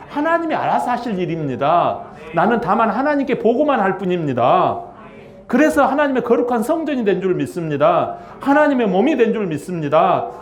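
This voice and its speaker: Middle-aged pastor guy preaching hard, kinda high voice, acts out the characters. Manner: emphatic preaching, acts out quoted voices with rising pitch. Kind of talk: sermon.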